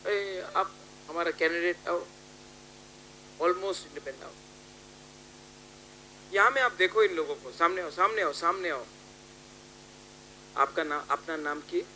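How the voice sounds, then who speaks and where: A man's voice: fairly high pitch, takes it slowly, pauses often, bright, forceful tone, a little hiss or hum. A man giving a rousing political rally speech, calling out and repeating his appeals to the crowd.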